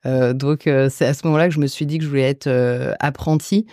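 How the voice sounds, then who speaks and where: A woman in her forties from the Paris region, a guest in a podcast interview, answering hesitantly with many filler pauses. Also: a bass voice, steady tone, warm tone, dry recording, clean studio sound. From Paris region, France. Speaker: guest investor.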